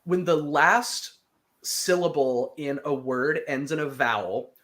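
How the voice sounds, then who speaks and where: A teacher giving a relaxed language lesson, explaining words patiently and repeating phrases slowly for a learner to copy. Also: mid-range voice.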